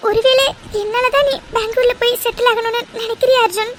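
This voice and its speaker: A woman's voice: extremely high pitch, steady tone, fairly quick. A woman voicing a guilt-ridden young woman in a cartoon drama, anxious and close to tears. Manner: anxious, tearful. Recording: noisy recording with clicks.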